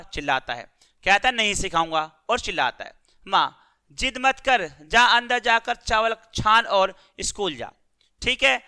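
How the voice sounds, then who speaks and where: A man with a high, very bright voice teaches a class lesson, reading out a short play line by line. He names each speaker first and then retells what was said in simpler words. His tone stays clear and smooth throughout. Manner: reads each character's name before their line, then restates it in plain words. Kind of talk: reading a school play aloud and explaining it.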